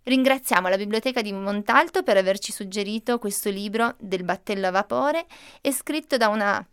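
Give me a lively woman host reading a storybook to children, with a crisp clear voice. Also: mid-range voice, fairly quick, no room sound, clean studio sound. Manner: lively and expressive.

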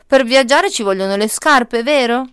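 A woman voicing a proud, overprotective old tree in a storybook reading, in a sing-song voice that repeats its phrases with rising pitch. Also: moderate pace, a bit bright, clean tone, dry recording, clean studio sound, lightly acted. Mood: coaxing. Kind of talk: storybook read-aloud.

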